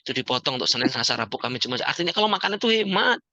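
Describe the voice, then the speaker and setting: A man giving a joking, animated motivational talk to an audience as the founder of a community. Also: medium pitch, racing, no echo, muffled recording. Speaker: founder and coach of a debt-free community.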